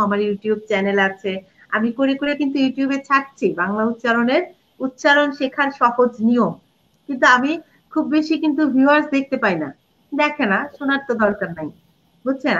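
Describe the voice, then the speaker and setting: Woman, middle-aged, higher voice, teacher explaining pronunciation, dull lo-fi sound. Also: fairly bright tone. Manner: explains pronunciation rules, demonstrates words and sung lines. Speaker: guest, Bangla teacher and reciter. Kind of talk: live interview conversation. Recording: dull lo-fi audio.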